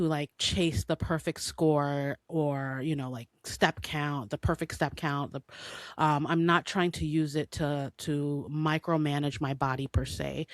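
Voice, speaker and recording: A woman's voice: sits low, dry recording. A woman in her thirties hosting a solo podcast in a chatty, informal way, sounding a little congested from a cold, with frequent ums and likes. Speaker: podcast host and health coach. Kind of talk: casual solo podcast talk.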